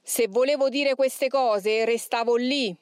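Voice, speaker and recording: A woman's voice: a little high, slow, a little mellow, clean tone, no echo, clean studio sound, pitched above the performer's own voice. A woman voicing a raging male demon who screams, mocks and sobs with rage, read aloud from an exorcism account. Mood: defiant.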